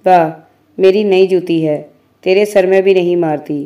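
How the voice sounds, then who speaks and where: A woman voicing a sharp-tongued young village woman who scolds in a low tone. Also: steady tone, unhurried, lo-fi sound, close to an everyday voice. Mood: scolding.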